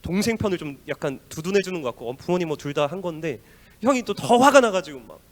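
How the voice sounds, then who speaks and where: A young man, a youth pastor, preaching an animated sermon to teenagers, swinging from loud exclamations down to near whispers and acting out the voices he quotes. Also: high voice, fast talker. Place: church hall. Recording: long hall reverb.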